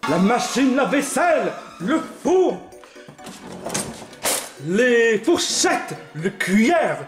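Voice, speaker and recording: A man puts on a greedy, pompous bully who gloats as he lists everything he has won. The voice sits high and swings widely while he takes his time. An echoey room with faint music sits behind him. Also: very animated, slow pace, heavily acted. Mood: gloating. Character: greedy bossy male gambler who mocks everyone.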